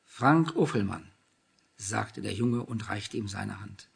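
Male narrator, measured audiobook reading, gravelly, breathy-husky voice. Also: on the low side, flat delivery.

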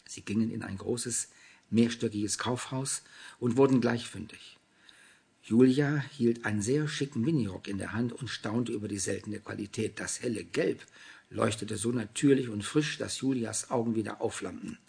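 A man narrating an audiobook in steady storytelling. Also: on the low side, moderate pace, creaky, husky.

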